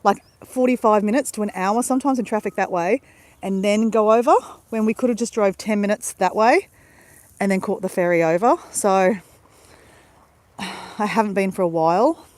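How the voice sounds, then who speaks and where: A woman's voice: medium pitch, moderate pace, a little mellow, dry recording. A woman with an Australian accent, chatting in a bubbly, rambling way to viewers of her live stream, recorded outdoors on a beach at sunrise on a handheld phone. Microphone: handheld phone camera.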